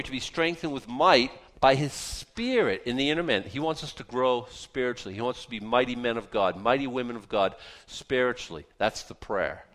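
A man's voice: medium pitch, fairly bright tone. A man in his fifties preaching a conversational Bible-teaching sermon, folksy in manner, with joking asides and rhetorical questions that he answers himself. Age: 50s. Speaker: pastor preaching to a congregation.

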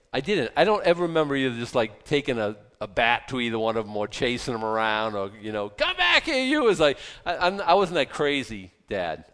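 Middle-pitched man, fifties, loose chatty preacher with sudden loud bursts; long hall reverb. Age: 50s. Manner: rambling, self-deprecating, with sudden loud outbursts acting out anger. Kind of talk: casual sermon.

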